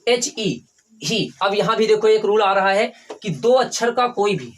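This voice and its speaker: A man's voice: sits high, animated, measured pace. A male teacher from India giving a classroom phonics lesson, spelling words letter by letter, asking questions and answering them himself, often checking in with "ठीक है". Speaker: English teacher.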